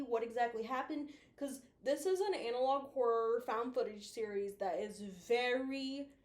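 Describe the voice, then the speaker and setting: A woman hosts a YouTube channel reviewing analog horror, chatting casually through her commentary in a playful, teasing way and letting slip the occasional mild swear. Her voice sits high, and the recording sounds roomy.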